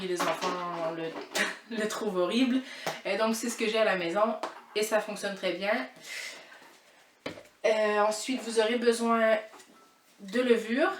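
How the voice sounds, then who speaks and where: A woman with a mixed Québécois and French accent, chatting through a cooking vlog in a home kitchen and hesitating often with filler sounds. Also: mid-range voice. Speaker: cooking vlogger. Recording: echoey room, mic far off, noisy.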